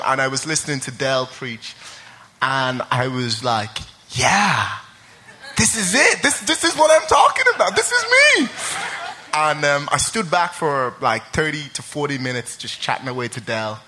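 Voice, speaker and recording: A man's voice: a little high, bright, forceful tone, slight background noise. A young man from Ireland, sharing his testimony at a church service in a chatty way full of fillers and laughter, then reading scripture.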